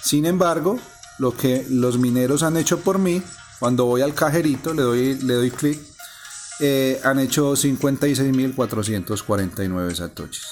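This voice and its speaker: A man calmly narrating a phone game walkthrough step by step. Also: mid-range voice, normal speed, soft background music. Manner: explains step by step, calm and methodical. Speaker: gameplay narrator. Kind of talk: casual screen-recording walkthrough. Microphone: voice-over on a phone screen recording.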